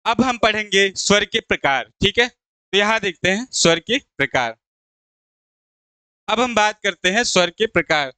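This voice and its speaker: A male Hindi teacher gives an exam-prep lesson in a high, clear, smooth voice. He talks slowly and patiently, poses each question and answers it himself. The sound is dry and close. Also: lively intonation, bright, forceful tone, no room sound. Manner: repeats key terms slowly; addresses viewers as "friends".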